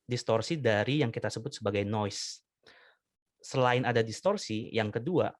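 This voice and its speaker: A man in his thirties, a lecturer and doctoral student, explaining ideas in a measured, lecturing way with many fillers. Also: fairly low pitch, no echo, studio quality. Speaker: guest, communication lecturer and PhD candidate. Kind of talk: explanatory interview talk.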